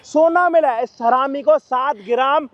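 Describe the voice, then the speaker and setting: A man's voice: extremely high pitch, measured pace, dry recording, dull audio. A man, hosting a staged street confrontation, bossy and taunting as he barks orders. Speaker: confronting host.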